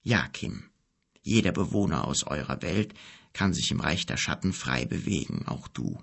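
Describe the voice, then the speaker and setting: A man reading an audiobook, voicing a grave, gentle bearded wizard in a solemn, hushed, unhurried way. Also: extremely low pitch, expressive, creaky, breathy edge, voice pushed down, full character voice. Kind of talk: audiobook character voice.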